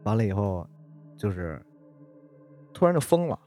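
A man's voice: lowish voice, sing-song, moderate pace, warm tone, soft background music. A man, hosting a podcast and telling a story in a rambling casual way, with many restarts and repeated "I said". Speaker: podcast host.

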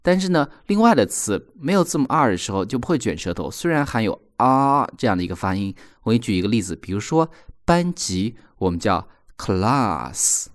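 A man teaching English pronunciation in a recorded lesson, explaining patiently and repeating example words slowly. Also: mid-range voice, sing-song.

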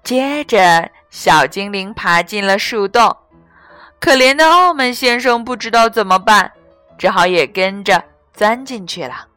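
A woman reads a children's story aloud, slow and unhurried, her pitch rising and falling with lots of expression. The sound is close and dry, with soft music playing faintly underneath. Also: dry recording. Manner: gentle and expressive.

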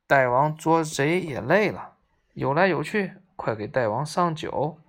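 A worried captive queen in a storybook, as a storyteller reads her. She sighs and coaxes gently, with a gravelly edge to the voice. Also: medium pitch, lively intonation, unhurried.

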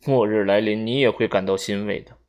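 A man reading an audiobook, voicing a calm, resigned older male general who speaks slowly and courteously. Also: on the low side, lightly acted. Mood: grave sorrowful. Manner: slow, grave and courteous.

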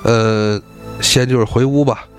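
A man's voice: mid-range voice, steady tone, a little slow, soft background music. A man retelling a classic folk tale in a colloquial, rambling way with jokey asides. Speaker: storyteller.

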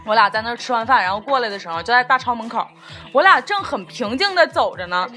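Young woman telling a story with her friends, super lively voice, bright tone, faint music. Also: on the high side, fast talker. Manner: animated storyteller, laughs often. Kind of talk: casual group chat.

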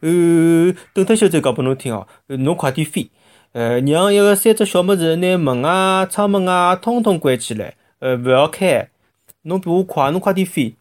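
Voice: medium pitch, normal speed, pitched above the performer's own voice, close to an everyday voice. A storyteller voicing a nervous but plucky young piglet, hesitant and exclamatory, with a Shanghainese accent. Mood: urgent.

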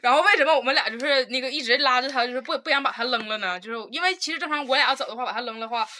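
A woman's voice: high-pitched, racing, noisy background. A young woman, co-hosting a casual chat, teasing and laughing as she tells stories. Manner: teasing, laughing, animated storyteller. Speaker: podcast co-host.

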